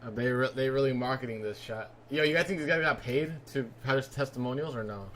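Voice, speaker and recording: A man's voice: mid-range voice, brisk, fairly bright tone, slight background noise. A man hosting a trading livestream, who banters casually and jokes with his chat. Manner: joking, laid-back banter. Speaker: livestream host and trader.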